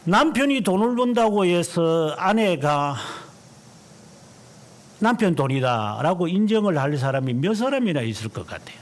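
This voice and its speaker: A man over fifty, a pastor delivering a sermon in church, emphatic and drawing out key words slowly. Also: high-pitched, very animated.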